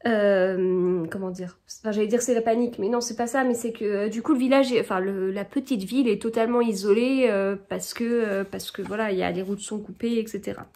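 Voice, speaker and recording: A woman's voice: medium pitch, steady tone, brisk, hardly any pauses, mellow. A woman vlogging casually about a book, hesitating often with fillers and restarts as she reads passages aloud. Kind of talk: casual chat.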